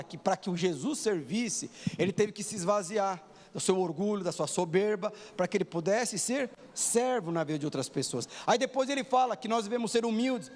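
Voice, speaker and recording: In a church hall with long reverb, a pastor in his forties preaches a sermon, often posing rhetorical questions to the congregation. His voice is high and has a darkish tone.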